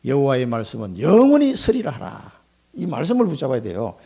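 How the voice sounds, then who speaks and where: A man preaching a Sunday sermon as pastor, animated, putting on quoted voices and asking his congregation questions. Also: medium pitch, fairly quick, gravelly, husky.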